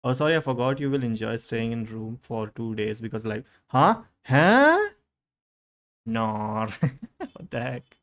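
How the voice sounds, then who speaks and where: A man's voice: mid-range voice, fairly even intonation, normal speed. A young man with an Indian English accent, a streamer chatting casually and teasing his live chat. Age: young adult.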